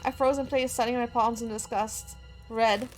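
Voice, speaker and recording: Reading a horror visual novel with dramatic flair, this woman streamer breaks off for unplanned comments. Her voice is fairly high and steady, her pace moderate, and game music sits underneath.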